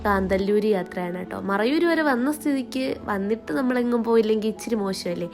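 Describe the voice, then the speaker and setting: A woman's voice: medium pitch, expressive, fast talker. A woman narrating a casual vlog, chatting in mixed with English words. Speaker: family vlogger. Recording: background music under the voice. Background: music.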